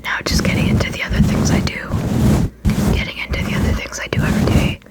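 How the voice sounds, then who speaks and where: A person whispering quickly in an informal ASMR ramble close to the microphone, often repeating and rephrasing phrases. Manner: fast, unvoiced whispering. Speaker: video creator and host.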